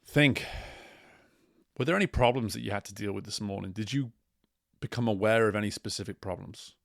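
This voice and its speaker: A man speaking as a coach and host in a motivational monologue, deliberate and emphatic, repeating key phrases. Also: on the low side, creaky, no room sound, studio quality.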